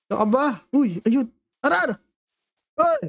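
A man with a Filipino accent doing playful Minecraft roleplay banter, swinging between high excited shouts and low mutters. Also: slow, vocal fry, no echo.

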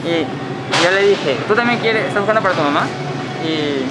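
Young man, fast animated storytelling, phone recording, loud mall noise. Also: high voice. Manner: fast, animated retelling with quoted lines. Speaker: vlogger. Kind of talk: casual storytelling. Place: indoor shopping mall and supermarket.

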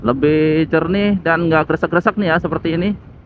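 A man's voice: a little high, fairly even intonation, normal speed. Man talking while riding a motorbike. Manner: chatty, explaining as he rides. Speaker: motovlogger. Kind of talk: casual motovlog commentary while riding. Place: on a motorbike in city traffic outdoors. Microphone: phone with a homemade headset mic. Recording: tinny phone-like audio with faint road noise. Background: traffic and engine noise.

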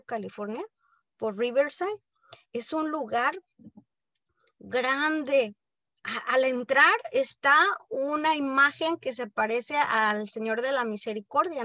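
A woman shares a personal testimony with her study group in a high, bright voice. She tells the story in a lively way, turning to her listeners as brothers and sisters. The sound is dry and close. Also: dry recording. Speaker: group member sharing a testimony.

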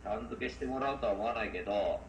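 A man with a rough colloquial Tokyo accent in a heated argument, talking like an aggressive, threatening tough guy. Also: lowish voice, quick pace. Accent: Tokyo-area rough colloquial Japanese. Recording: echoey room with background noise.

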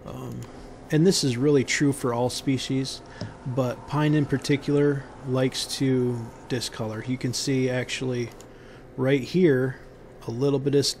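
A man giving unscripted how-to instructions on a building site outdoors, pausing often with ums and restarting his sentences. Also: medium pitch, level tone, a little mellow, a little hiss or hum. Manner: halting, many ums and restarts.

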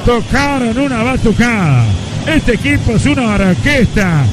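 Male Uruguayan radio football play-by-play, high pitch, excitable and repetitive, very noisy broadcast. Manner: excitable, repetitive rapid-fire phrasing. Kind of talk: excited live radio football commentary, drawn-out goal calls. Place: live sports radio broadcast, noise behind the voice.

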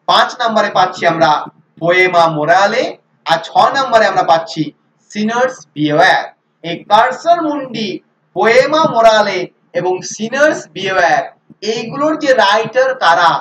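A woman's voice: medium pitch, a bit bright. Woman teacher, patient drilling lecture style with questions and repeats; echoey room, distant mic. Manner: asks questions then answers them, repeats key points. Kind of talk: lecture explaining literary history. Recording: roomy echo, mic at a distance.

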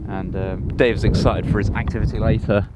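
A man's voice: lowish voice, fairly even intonation, brisk. A young man with a Northern English accent, chatty and upbeat, vlogging and narrating a road trip from a car and the roadside. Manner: upbeat, chatty, laughs often. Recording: loud wind and car noise.

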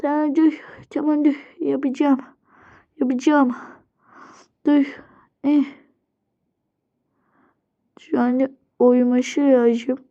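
High-voiced playful woman narrating toy play. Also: little pitch movement, slow, long pauses, warm tone, highs cut off. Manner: playful, rambling, slangy.

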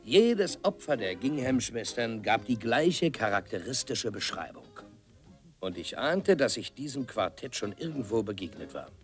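A man voicing a calm, laconic cowboy hero telling his story matter-of-factly in a dubbed cartoon. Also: mid-range voice, moderate pace, lightly acted. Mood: calm, assured. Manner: cool, matter-of-fact storytelling. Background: music.

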